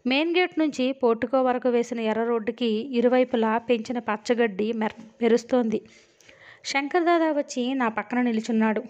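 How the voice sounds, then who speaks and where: Woman audiobook narrator, expressive and steady, slightly high voice, lo-fi recording. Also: normal speed. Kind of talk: dramatic novel reading. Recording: dull lo-fi audio.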